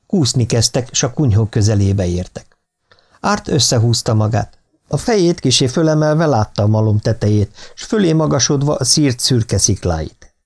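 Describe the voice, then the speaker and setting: Guy reading an audiobook, medium voice, steady even delivery. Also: medium pitch. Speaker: audiobook reader. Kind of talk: audiobook narration.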